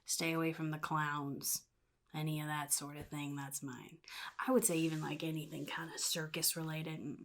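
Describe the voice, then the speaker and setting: A woman acts out a chaotic comic-book supervillain in an ASMR roleplay. The voice is fairly low and husky, often sinking into a breathy whisper. The delivery is sly and theatrical, a gleeful villain drawling advice. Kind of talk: soft-spoken ASMR roleplay monologue.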